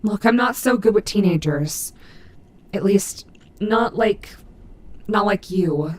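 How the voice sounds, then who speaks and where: A woman voicing a gruff but maternal animatronic wolf in an audio roleplay, fiercely protective, with halting, earnest, emphatic delivery. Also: medium pitch, expressive, a little mellow. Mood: awkward, softened. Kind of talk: dramatic audio roleplay addressed to the listener.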